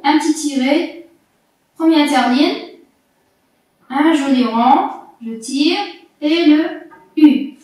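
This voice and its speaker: Slow, patient woman teacher in an echoey room. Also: high voice. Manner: patient, deliberate, spells out letters and syllables one by one. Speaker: primary school teacher. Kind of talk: slow, carefully articulated lesson for young children. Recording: echoey classroom, distant mic.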